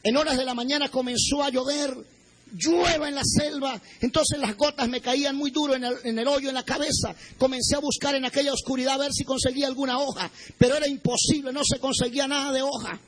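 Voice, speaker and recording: A man's voice: extremely high pitch, steady tone, brisk, rough recording. A man giving an earnest spoken testimony as a plane crash survivor, speaking straight to the listener and acting out what he said back then. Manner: earnest storytelling, addresses the listener directly, acts out his own past words.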